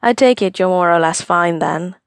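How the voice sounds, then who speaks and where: A woman voicing a calm young man with a dry, sardonic way of talking. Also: lowish voice, normal speed, no room sound, lightly acted.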